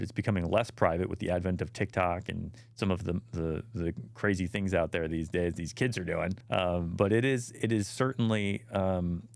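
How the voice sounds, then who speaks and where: A middle-aged man hosting a podcast, telling stories in a casual, animated way with lots of fillers and restarts. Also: deep voice, vocal fry, no echo. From United States. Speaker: podcast host and men's health clinician. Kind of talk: casual monologue.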